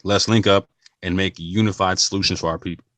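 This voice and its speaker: A man's voice: sits low, fairly even intonation, a little fast, a bit bright, no echo. A man talking casually and earnestly to his viewers, using slang and often repeating and restarting his phrases. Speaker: channel host. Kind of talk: casual talk to camera.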